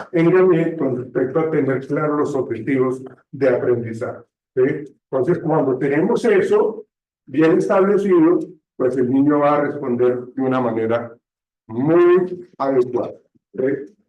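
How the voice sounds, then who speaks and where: A man teaching a classroom lecture, often pausing to check understanding, recorded from a distance in a classroom. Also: mid-range voice. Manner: slow, checks understanding with frequent "¿sí?". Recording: echoey room, distant mic, dull sound.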